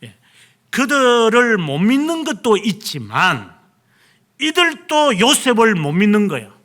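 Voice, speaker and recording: A man's voice: high voice, sing-song, unhurried, fairly bright tone. A male pastor preaching a sermon, retelling scripture dramatically and acting out quoted lines. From South Korea.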